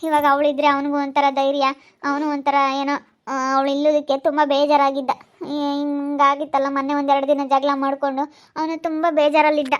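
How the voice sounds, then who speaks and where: A woman plays an elder sister in a homemade family drama, protective and insistent. Her voice is high and almost monotone. She talks quickly and will not be refused. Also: dull audio, close to an everyday voice. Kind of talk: amateur family drama skit.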